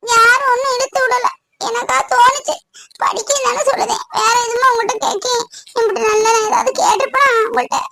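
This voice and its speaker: A woman's voice: extremely high pitch, normal speed, gravelly, very noisy. A woman voicing a young village girl in a cartoon, who pleads to study. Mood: pleading. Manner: pleading, tearful.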